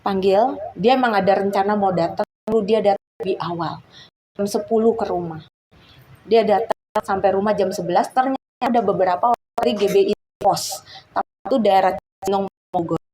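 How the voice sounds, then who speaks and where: A woman's voice: medium pitch, a little fast, dark tone, a little hiss or hum, low-quality recording. A woman giving a personal testimony at church, telling her story earnestly and acting out her prayers.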